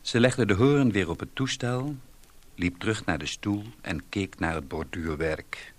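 A man reading a story aloud in a slow, deliberate, wry way. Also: low-pitched. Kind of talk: scripted story narration.

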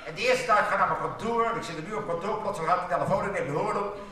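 A man's voice: high-pitched, rapid-fire, pushed and bright, far from the mic. Man telling jokes in an echoey hall. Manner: chatty, acts out joke voices, laughs along. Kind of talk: stand-up joke telling. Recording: echoey hall from afar, faint ambience.

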